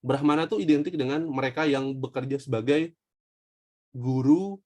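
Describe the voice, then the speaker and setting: A young man teaching an online history class in a loose, joking way. He speaks with a slang flavor, throws questions at the class and answers them himself. His voice sits at an ordinary middle pitch. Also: normal speed, darkish tone. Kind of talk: casual online history lesson.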